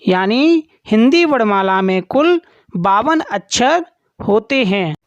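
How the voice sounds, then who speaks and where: A woman teaching children in a slow, deliberate way, spelling out each letter clearly. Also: fairly high pitch, animated, dry recording, highs cut off. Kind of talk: children's lesson.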